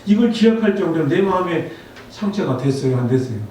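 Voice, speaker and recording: A man's voice: sits high, lively intonation, fast talker, darkish tone. Man, pastor, Sunday sermon, conversational storytelling, rhetorical questions, heard from a distance. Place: church sanctuary. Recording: very echoey hall, distant mic, faint noise.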